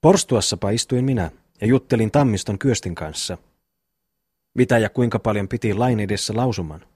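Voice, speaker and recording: A hot-headed young farm brother brags bluntly about himself, as a man reads him aloud. The voice sits low with a husky grain. It is recorded dry and close, like a studio audiobook. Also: expressive, a little mellow, dry recording. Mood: boastful. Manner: boastful, blunt storytelling. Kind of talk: audiobook reading of a classic novel.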